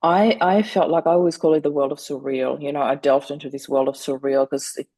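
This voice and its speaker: A middle-aged German-speaking woman, a guest in a candid interview, talks earnestly in a low, gravelly voice full of vocal fry. Her brisk delivery stays flat and level, and she restarts sentences now and then. The sound is dry and close, with no room around it.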